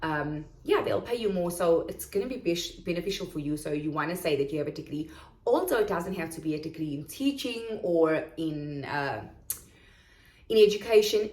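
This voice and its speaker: Her voice fairly low and darkish, a Durban-accented South African woman explains in a relaxed vlog how to start coaching English online. She often pauses to ask "okay?", and the recording has an echoey room sound.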